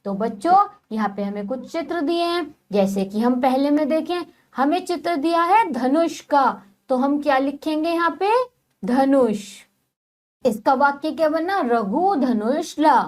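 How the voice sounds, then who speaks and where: A woman's voice: high voice, animated, darkish tone. A woman teacher leading a primary-school lesson from a textbook. She sounds out letters and words carefully and keeps asking the children questions. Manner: patient, sounds out letters slowly and asks the class questions.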